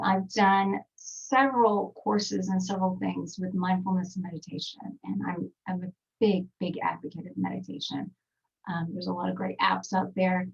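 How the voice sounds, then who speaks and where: Speaking from a small home studio, a forties-aged woman from Texas runs a casual skincare webinar in a chatty style full of fillers, her Texan accent clear. Her mid-range voice is gravelly and husky, and the distant mic leaves the audio dull.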